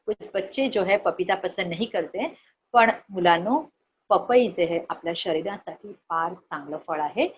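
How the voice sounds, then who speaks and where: Brief: middle-aged woman teacher, Marathi accent, lowish voice, coaxing and repetitive, slightly dull home recording with faint hiss. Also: normal speed. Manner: coaxing, repeats words, asks and answers her own questions. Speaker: primary school teacher. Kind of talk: online lesson teaching children vocabulary.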